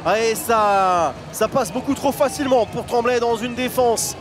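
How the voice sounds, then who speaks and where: Male live handball commentator: very high pitch, exclamatory and emphatic, music bed clearly underneath. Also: normal speed, a crowd in the background.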